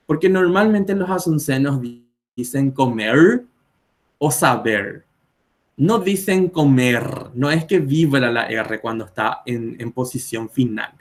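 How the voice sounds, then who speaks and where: Young Paraguayan man explaining calmly. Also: medium pitch, a little slow. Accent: Paraguayan Spanish. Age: 20s. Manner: explains patiently with spoken examples and fillers. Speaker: Spanish teacher. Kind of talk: explanatory talk on pronunciation. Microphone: live video stream.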